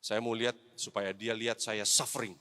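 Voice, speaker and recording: A middle-aged man preaching a sermon as an evangelist, telling a personal story, calling his listeners "brothers and sisters" and dropping English phrases into his talk. He swings between loud exhortation and hushed confession. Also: on the low side, little pitch movement, moderate pace. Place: church hall. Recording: reverberant church hall.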